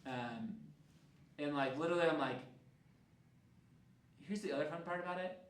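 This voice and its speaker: A man's voice: a little high, normal speed, a little hiss or hum. A man teaching a real estate class in a training room, chatty and full of stories, leaning on "like" a lot. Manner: chatty, storytelling, heavy use of "like". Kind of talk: casual classroom training talk. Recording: roomy room, mic far off.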